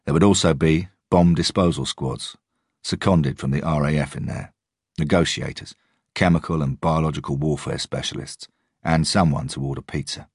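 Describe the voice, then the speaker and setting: A man reads a first-person story in a measured, steady way. His voice is extremely deep and somewhat husky, recorded close and dry with no room sound. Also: dry recording. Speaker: audiobook narrator. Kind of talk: first-person audiobook narration.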